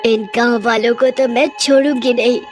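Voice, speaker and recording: A woman voicing a vengeful, bitter bald witch mother in a cartoon story, speaking in slow, menacing threats. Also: fairly high pitch, fairly even intonation, over music, lightly acted.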